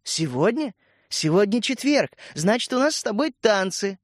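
A man's voice: high-pitched, very animated, normal speed, no echo, clean studio sound. A man doing a bossy, suspicious schoolgirl.

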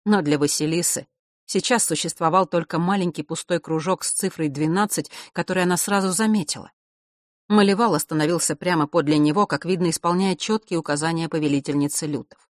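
A woman reading a novel aloud as audiobook narration, measured and expressive. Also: sits low, dry recording, clean studio sound.

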